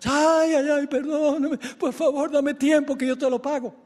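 A man's voice: very high-pitched, level tone, unhurried, darkish tone, voice pushed up. A man voicing a desperate male debtor who wails and sobs as he begs for mercy. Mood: begging, wailing. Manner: whiny pleading sobs. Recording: echoey hall reverb.

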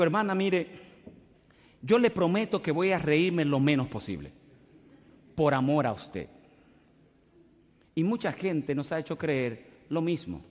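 A male pastor delivers a sermon in a high, bright voice. He tells stories with humor and a laughing, joyful manner. A long church-hall reverb trails every phrase. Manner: joyful, storytelling preacher who laughs as he preaches.

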